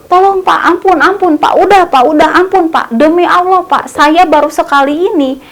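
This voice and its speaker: A woman's voice: very high voice, normal speed, voice pushed up. A woman voicing a desperate young male thief who begs for mercy, repeating his plea over and over in a raised voice. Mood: begging.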